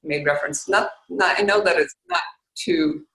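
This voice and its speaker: A woman caller speaking over a conference call line, asking a teacher questions in a hesitant, halting way with many restarts. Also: fairly low pitch, a bit bright. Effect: heard over a conference call line. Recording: echoey call line with faint noise.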